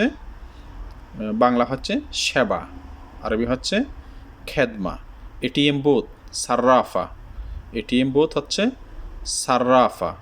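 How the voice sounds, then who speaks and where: A man from Bangladesh teaching a vocabulary lesson at an unhurried pace, his voice sitting in an ordinary middle pitch. He says each word, then repeats it, and keeps checking that his viewers are following. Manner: checks in with the viewer, "ঠিক আছে?". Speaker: language teacher.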